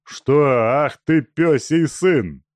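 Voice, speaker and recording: A man reading an audiobook, voicing a brutal, mocking male robber chief in a loud, gruff, taunting voice. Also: on the low side, lively intonation, a little slow, no room sound, studio quality, pitched above the performer's own voice. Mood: taunting, cruel. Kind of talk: audiobook character voice.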